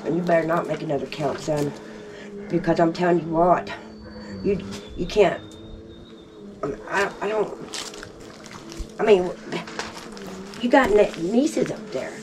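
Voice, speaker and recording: A woman's voice: on the low side, a little slow, pauses often. Heartbroken mother, distant. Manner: pleading, scolding, heartbroken. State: upset and near tears. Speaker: suspect's mother. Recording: distant mic with loud background noise.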